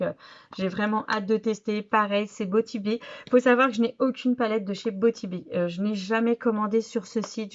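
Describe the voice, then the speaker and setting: A woman vlogger showing off her purchases in easygoing, chatty talk, with plenty of fillers and restarts. Her voice sits in a middle pitch. The sound is a touch dull, like a simple home recording. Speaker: beauty vlogger. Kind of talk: casual haul video.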